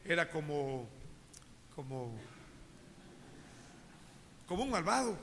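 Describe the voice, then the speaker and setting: High bright-voiced preacher. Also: male voice, takes it slowly, slight background noise. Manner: animated storytelling, addresses congregation directly. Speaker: pastor. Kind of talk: sermon. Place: church. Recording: reverberant church hall.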